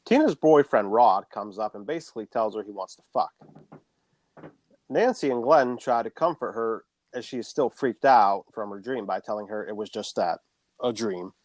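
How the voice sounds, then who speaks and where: A man's voice: lowish voice, moderate pace, darkish tone, no echo. A man co-hosting a podcast, casually recapping a horror film plot and swearing freely.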